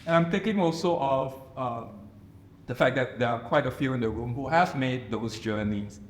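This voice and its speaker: A man from Singapore speaks thoughtfully in a reflective panel discussion held in a reception room at a residence. His mid-range voice moves at a moderate pace, and he often restarts phrases and says "you know" a lot. The live panel audio is roomy, with a little hiss or hum.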